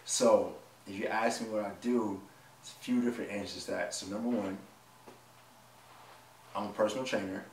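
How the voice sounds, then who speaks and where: A man's voice: lowish voice, fairly even intonation, normal speed, long pauses, darkish tone. Joking man in his twenties, echoey room. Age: 20s. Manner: joking, laughs often while telling stories. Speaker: vlog co-host. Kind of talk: casual chat. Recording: echoey room, mic at a distance, faint noise.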